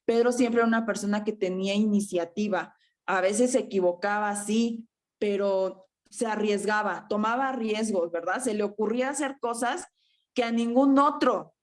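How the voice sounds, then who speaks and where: A woman's voice: medium pitch, moderate pace. A woman preaching a sermon to her congregation, often tagging her points with a questioning "verdad" and "ajá" and calling her listeners brothers and sisters. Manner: frequent rhetorical "¿verdad?" and "ajá"; addresses congregation as hermanos.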